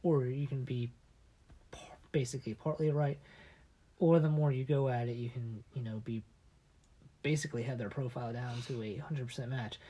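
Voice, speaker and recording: A man co-hosting a casual podcast chat at a medium pitch. He stumbles through restarts as he tells his stories and keeps sinking into a low, conspiratorial hush. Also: steady tone, husky. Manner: halting storyteller with many restarts. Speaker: podcast co-host.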